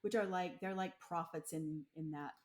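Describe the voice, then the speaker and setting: A woman's voice: fairly low pitch, normal speed, a crowd in the background. A woman from Utah chatting casually and explaining local words, with lots of fillers and frequent laughs. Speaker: local guest explaining slang. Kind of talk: casual chat.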